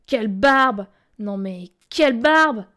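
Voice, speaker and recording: A woman's voice: high voice, animated, unhurried, a little mellow. A woman voicing a rude, mocking little girl who grumbles and taunts. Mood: grumpy.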